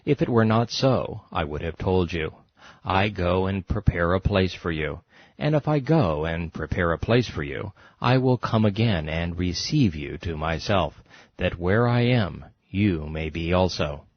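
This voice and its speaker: A man reading scripture passages in a solemn, steady manner. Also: low voice, measured pace, dry recording, muffled recording. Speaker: scripture reader.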